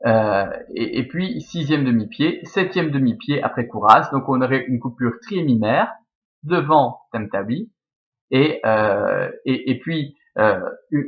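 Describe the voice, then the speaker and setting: A Belgian French-accented man talks a class through a lesson at a middle pitch, reasoning aloud one step at a time. He fills pauses with frequent "euh" and "bon" as he works things out. The recording is dull and lo-fi. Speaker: teacher. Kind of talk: explaining Latin verse scansion.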